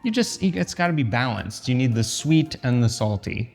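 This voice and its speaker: An American man hosts a casual vlog in a medium-pitched voice. He talks informally with a light joking touch. The empty room around him is echoey, and music plays under his words. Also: sing-song, moderate pace, creaky. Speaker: channel host. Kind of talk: casual chat to camera. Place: empty house kitchen.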